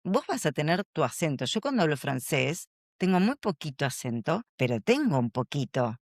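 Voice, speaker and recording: A woman, a communication coach answering interview questions in an animated, storytelling way. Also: low-pitched, moderate pace, no room sound, studio quality.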